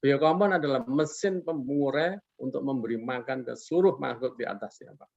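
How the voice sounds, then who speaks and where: Brisk and mid-range, with vocal fry and a darkish tone, a man speaks as a guest expert in a webinar over video call. His explanation is relaxed and folksy, full of self-answered rhetorical questions and courteous remarks to the host after nearly every phrase. Recording quality is lo-fi call audio.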